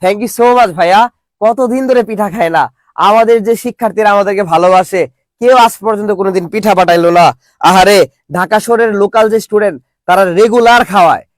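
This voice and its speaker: A man's voice: high voice, fast, no echo. A young man teaching a live online Bangla class, joking with students and drilling them with call-and-response questions.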